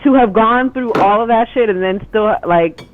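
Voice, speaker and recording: A woman's voice: on the high side, moderate pace, a little hiss or hum. A woman from Ethiopia, a guest in casual conversation, rambling with lots of "like" and "you know" and casual swearing. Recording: tinny, dry phone-like line.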